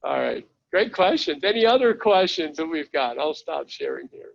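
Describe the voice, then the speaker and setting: A man's voice: fairly high pitch, very animated, normal speed, creaky, lo-fi sound. A man presenting a live online training session, chatting his way through a website step by step. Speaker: webinar presenter.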